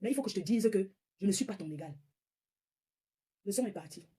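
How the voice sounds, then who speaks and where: A mid-range, warm female voice with a breathy edge and lively intonation moves fairly quickly through a heated live-stream rant. The speaker, a northern French woman in her 40s, is scolding and confrontational and keeps repeating her points.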